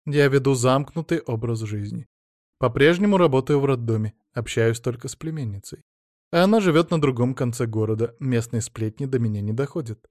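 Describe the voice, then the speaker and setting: A man's voice: medium pitch, fairly quick, darkish tone, no echo, studio quality, close to an everyday voice. A male reader voicing a reserved older woman who answers in a weary, firm way. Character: reserved older woman, a maternity ward worker.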